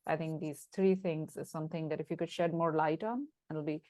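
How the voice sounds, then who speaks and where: Woman host, low-ish voice, chatty interviewer who restarts sentences, dry sound. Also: steady tone, fairly quick, warm tone, dry recording. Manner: chatty, thinks aloud with restarts. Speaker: podcast host. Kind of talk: conversational interview.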